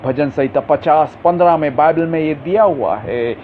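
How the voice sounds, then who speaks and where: Impassioned male pastor on a tinny line. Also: on the high side. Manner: impassioned preaching, sings a slow refrain. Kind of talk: sermon. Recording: tinny phone-like sound with faint hiss.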